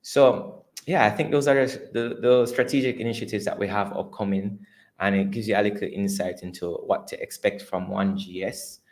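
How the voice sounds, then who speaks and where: This man speaks in a lowish, steady voice at a moderate pace. He's a company executive with a Jamaican accent, giving an earnings call presentation and answering questions conversationally, frequently restating and rewording what he says.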